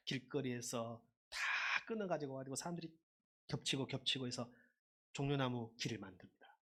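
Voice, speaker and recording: With a fairly high-pitched voice, a man delivers a sermon as a pastor. He is lively and conversational, calling out for his congregation to shout back in response.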